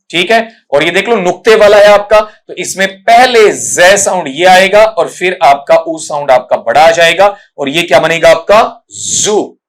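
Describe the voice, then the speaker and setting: A middle-aged man teaching an exam-prep English lesson, drilling pronunciation by repeating words and fondly calling students "beta". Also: on the high side.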